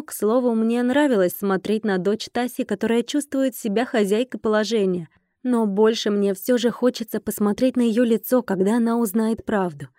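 A woman narrating a first-person romantic fantasy audiobook in a steady, wry tone. Close studio miking with a dry sound and no room behind it. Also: fairly high pitch, no room sound.

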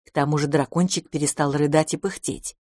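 A woman narrating a children's storybook in a lively, expressive way. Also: sits low, a little fast, no room sound, clean studio sound. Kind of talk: storybook reading.

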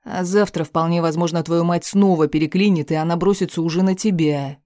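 A stern, harsh police officer father speaks low and curt with quiet menace, as a woman reads him. The voice sits fairly low and the sound is dry and close. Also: fairly even intonation, fairly quick, no echo, close to an everyday voice.

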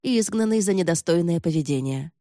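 A woman's voice: lowish voice, expressive, brisk, warm tone, no room sound, clean studio sound, close to an everyday voice. A woman voicing a young noblewoman who speaks firmly and demandingly. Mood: stern. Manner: firm, demanding. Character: young noblewoman, stern and urgent.

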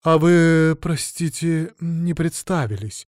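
A man voicing a timid male bard in an audiobook, talking slowly and pleadingly. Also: on the high side, darkish tone, no room sound, clean studio sound, pitched above the performer's own voice. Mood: hesitant. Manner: slow, pleading.

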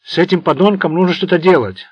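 A man voicing a furious, hysterical male crime boss who shouts insults. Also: medium pitch, lively intonation, fast, breathy edge, no room sound, highs cut off.

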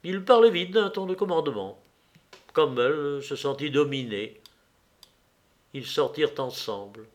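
A man narrating a classic novel in a measured audiobook reading. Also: a little high, animated.

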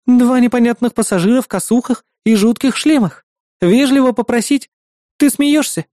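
A man voicing a sharp-tongued, irritable young woman partner who answers in curt, scolding lines. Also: extremely high pitch, moderate pace, dry recording, studio quality, voice pushed up. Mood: incredulous.

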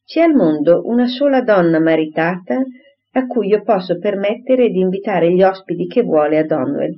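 A woman reading an audiobook, voicing a calm, dry, firm gentleman who speaks in a measured way, in a dull lo-fi recording. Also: lowish voice.

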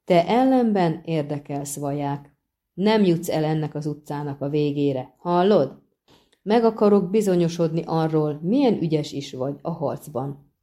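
A swaggering young thug hurls insults and challenges in a raised, jeering voice, as a woman narrator puts him on. The tone sits low and dark, pushed louder at the threats. It is an audiobook scene. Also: animated. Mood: taunting, shouting. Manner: taunting, shouting, spitting insults. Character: brash young male thug picking a fight.

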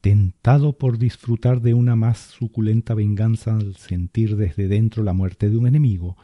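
A man giving scripted narration of a story podcast in a measured way. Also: on the low side, fairly even intonation, dry recording, dull audio.

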